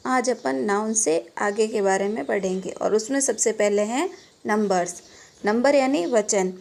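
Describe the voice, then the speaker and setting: A woman's voice: medium pitch, measured pace, gravelly, darkish tone. A woman with a Rajasthani Hindi accent teaching a classroom grammar lesson, patiently asking questions and answering them herself. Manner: patient, asks and answers her own questions. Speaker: school teacher.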